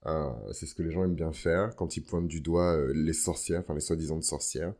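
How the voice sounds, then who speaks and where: A man's voice: extremely low pitch, fairly even intonation, fairly quick, a little mellow. A man hosting an astrology podcast as a casual, informal monologue, dropping bits of English slang into his talk. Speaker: podcast host.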